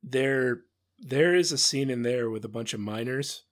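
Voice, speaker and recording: A man's voice: mid-range voice, unhurried. Laughing male podcast host. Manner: laughs often, recaps with playful asides. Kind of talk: casual podcast chat recapping a cartoon.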